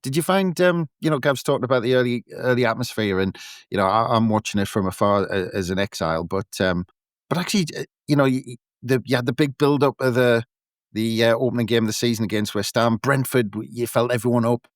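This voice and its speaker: A man's voice: mid-range voice, fast, dry recording, clean studio sound. A man casually hosting a football podcast and introducing his guests. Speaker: podcast host.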